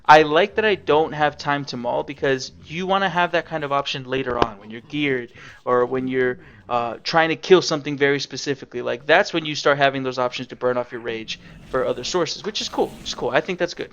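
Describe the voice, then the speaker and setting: Sarcastic gravelly young man commentating gameplay. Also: mid-range voice, a bit bright. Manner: sarcastic, casual, swears freely. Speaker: game streamer.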